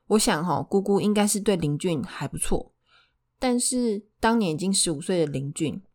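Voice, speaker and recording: A woman's voice: lowish voice, expressive, moderate pace, darkish tone. A woman with a Taiwanese Mandarin accent telling true crime in a conversational way as a narrator, putting questions to her listeners. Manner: poses rhetorical questions to listeners.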